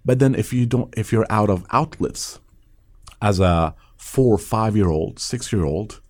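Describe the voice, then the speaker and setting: A man in his late thirties from Afghanistan, recalling his childhood as an interview guest, measured and full of hesitations. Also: fairly low pitch. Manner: measured, many hesitations and restarts. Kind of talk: reflective interview storytelling.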